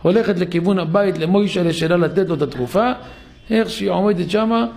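A man's voice: high voice, vocal fry, darkish tone. A man, a rabbi, telling a story in a sermon at a synagogue, dramatic and acting out the characters.

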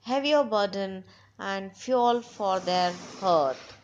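A woman's voice: mid-range voice, takes it slowly, lo-fi sound, slight background noise. A young woman teaching a textbook lesson, reading and explaining it in short phrases.

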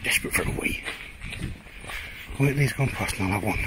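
A man's voice: lowish voice, normal speed. A middle-aged man with a Teesside accent, chatting casually and a bit out of breath while hiking and filming a photography vlog. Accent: Teesside English. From Teesside, England. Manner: chatty, self-deprecating, rambling asides. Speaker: photographer vlogger. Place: outdoors on a windy highland lochside trail. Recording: wind noise outdoors.

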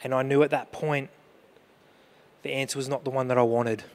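A man's voice: medium pitch, level tone, moderate pace. A man preaching a sermon as pastor, earnest, mixing questions to the congregation with personal storytelling about grief.

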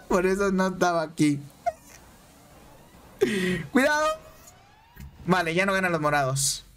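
Excitable Mexican man streaming a game. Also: fairly high pitch. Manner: excitable, repeats phrases, banters with chat. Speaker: gaming streamer. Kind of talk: casual live-stream chat over gameplay.

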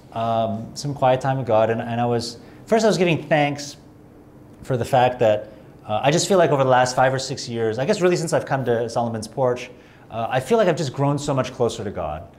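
A man's voice: a little fast, a little hiss or hum. A man preaching a sermon in a conversational way, mixing emphatic rising lines with self-deprecating humor. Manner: animated, rising emphatic pitch.

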